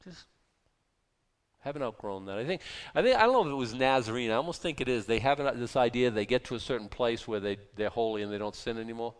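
A man's voice: mid-range voice, expressive, fast, smooth. Man in his fifties preaching in a reverberant hall. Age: 50s. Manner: rambling, self-deprecating, with sudden loud outbursts acting out anger. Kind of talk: casual sermon.

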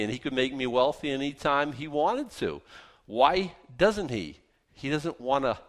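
A man's voice: medium pitch, a bit bright. A man in his fifties preaching a conversational Bible-teaching sermon, folksy in manner, with joking asides and rhetorical questions that he answers himself. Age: 50s. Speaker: pastor preaching to a congregation.

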